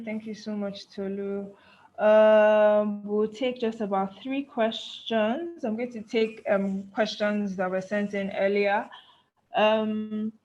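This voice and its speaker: A woman's voice: medium pitch, highs cut off. A woman hosting a webinar, politely thanking the guest and reading out audience questions. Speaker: webinar host.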